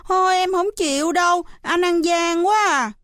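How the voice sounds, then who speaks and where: A woman reading an audiobook, voicing a timid little girl who pleads in a high, whiny voice. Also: a little slow, no room sound, studio quality.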